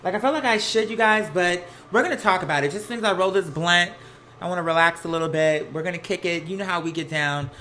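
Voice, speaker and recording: Fast and sharp in tone, with a medium pitch, an American livestream host chats casually in a sassy, campy, slang-heavy manner. Laundry running at home adds some household noise to the recording.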